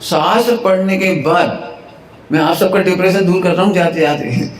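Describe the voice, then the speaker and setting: Male preacher, devotional sermon, lively storyteller who acts out domestic scenes, fairly high voice, reverberant temple hall. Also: normal speed, slight background noise. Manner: animated storytelling, acting out household quarrels; chuckles often at his own examples. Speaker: Jain preacher. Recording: echoey temple hall with faint ambience.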